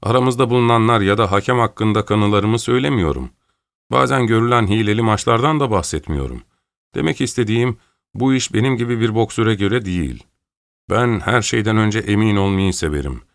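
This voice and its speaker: A man voicing a boastful, quick-tempered male boxer who talks in a pushy, blustering way. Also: on the low side, animated, gravelly, dry recording.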